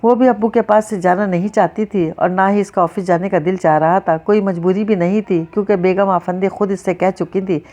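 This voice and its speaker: A woman narrating a novel in a steady, even storytelling manner. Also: mid-range voice, few pauses. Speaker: audiobook narrator.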